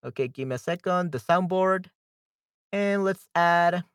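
This livestream host speaks in a high-sitting, somewhat bright and smooth voice at a measured pace. Working through audio problems, he chats casually and hesitantly, thinking out loud close to the mic with no echo.

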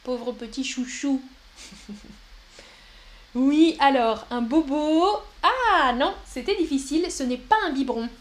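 A young woman teaching a live-stream language lesson, speaking slowly and clearly and repeating words for her viewers. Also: sits high, expressive. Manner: slow and clear, repeats words, puts on a babyish voice for examples. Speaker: French teacher.

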